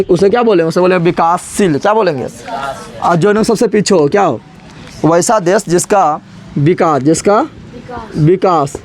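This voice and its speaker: A young man teaching a class, repeating each point and constantly firing quick questions back at his students. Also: sits high, a little mellow. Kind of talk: classroom lecture.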